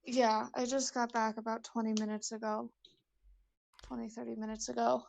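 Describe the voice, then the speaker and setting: A woman in her twenties on a phone call, holding the phone away from her mouth so she sounds faint and distant, breathing with effort and talking haltingly with many fillers. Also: on the high side, little pitch movement, creaky, a little mellow, slight background noise. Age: 20s. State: labored breathing, short of breath. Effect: phone held away from the mouth, faint and distant. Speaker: caller. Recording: dull lo-fi phone line.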